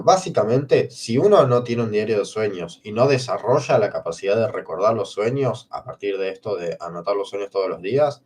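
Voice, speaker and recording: A man's voice: fairly low pitch, a little mellow, distant mic. A man co-hosting a livestream workshop, explaining emphatically and checking in with listeners. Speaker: workshop co-host. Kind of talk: casual teaching on a livestream.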